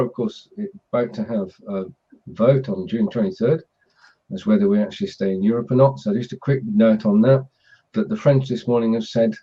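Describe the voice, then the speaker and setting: A man hosting a casual online chat show, explaining things in a halting, measured way. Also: medium pitch, mellow, breathy edge. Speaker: host. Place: group video call. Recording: dull, lo-fi video call audio.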